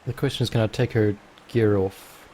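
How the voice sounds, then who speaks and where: Low-voiced man chatting over a game. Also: fairly even intonation, moderate pace, mellow, a little hiss or hum. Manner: rambling, chatty, thinking aloud. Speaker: let's play host. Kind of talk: casual gameplay commentary.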